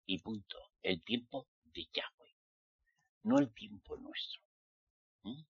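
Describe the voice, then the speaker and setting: A man from the Basque Country in Spain preaches slowly in a medium-pitched, gravelly voice with a breathy edge and wildly swooping pitch. The muffled recording has no echo. In his Spanish accent he admonishes listeners fiercely, firing rhetorical questions at them during his sermon.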